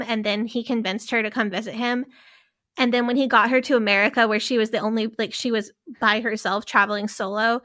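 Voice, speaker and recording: Casually rambling through a story, a woman podcast co-host often pauses on fillers and restarts her sentences. Her pitch is fairly high, with a somewhat bright tone.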